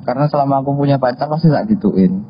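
A man's voice: mid-range voice, fast talker. A young man with an East Javanese accent, hosting a casual chat with joking, chatty remarks. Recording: dull lo-fi sound, faint noise.

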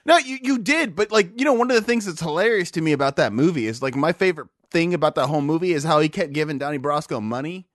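A man's voice: a little high, animated, quick pace, few pauses, dry recording, clean studio sound. A man co-hosting a podcast, rambling and swearing in casual chat, a bit drunk, with lots of restarts. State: tipsy. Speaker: podcast co-host.

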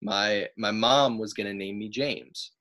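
A young man with a fairly low voice tells stories on a podcast. He is animated and keeps jumping into higher voices for the people he quotes. His talk is casual and loose. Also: measured pace. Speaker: pro wrestler guest. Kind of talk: casual storytelling.

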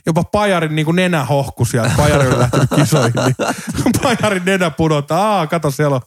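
A man chatting casually in a podcast, telling lively fan stories with sudden jumps in pitch, mimicking people and swearing now and then. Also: no room sound, studio quality. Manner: animated, swears, mimics others in anecdotes. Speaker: podcast co-host. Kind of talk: casual storytelling chat.

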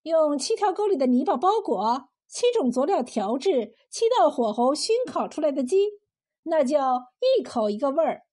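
A woman voicing a clever young woman innkeeper in a told story, talking in a brisk, lively, teasing way. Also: high voice. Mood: boastful. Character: sly, quick-witted young woman innkeeper.

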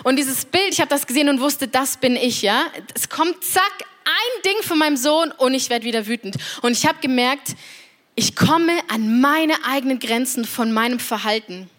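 A woman's voice: high voice, lively intonation, normal speed, fairly bright tone. A woman in her thirties giving a personal, confessional devotional talk, speaking straight to the listener. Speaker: church speaker.

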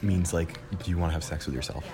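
A man's voice: sits low, fairly even intonation, rapid-fire. A man co-hosting a casual podcast chat at school over lunch, teasing and joking. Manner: teasing, jokey. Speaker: co-host. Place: school during lunch break.

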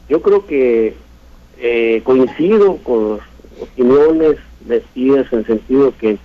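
A man with a northern Mexican, Sinaloan accent giving live election commentary as an analyst, deliberate and repeating points for emphasis. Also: mid-range voice. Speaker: political analyst on radio. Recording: dull, lo-fi radio sound.

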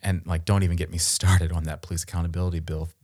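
Man, very low voice, podcast co-host, earnest and reflective, lots of restarts and fillers. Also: flat delivery, quick pace, darkish tone. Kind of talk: casual conversational discussion.

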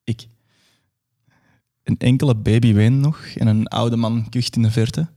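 A man's voice: mid-range voice, steady tone, measured pace, warm tone. A young man performing a grandiose, absurdist dramatic monologue.

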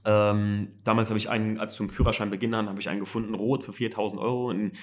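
A man's voice: on the low side, flat delivery. A man chatting enthusiastically and casually about cars as host of a podcast. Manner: fast, enthusiastic car talk. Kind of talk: casual chat.

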